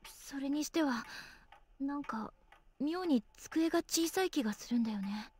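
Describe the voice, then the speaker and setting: A woman's voice: sits high, expressive, moderate pace, noisy background. A woman playing an anxious, earnest teenage schoolgirl steeling herself in a Japanese horror game, with a youthful, tense delivery. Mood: uneasy. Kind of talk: Japanese horror game voice acting, dialogue and inner monologue.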